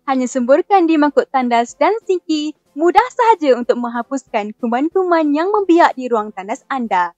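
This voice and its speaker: A Malaysian woman reading a scripted infomercial as a TV shopping announcer, pitching a product with careful enunciation. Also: lively intonation, moderate pace, hardly any pauses, darkish tone, dry recording. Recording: dull band-limited audio under music. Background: background music.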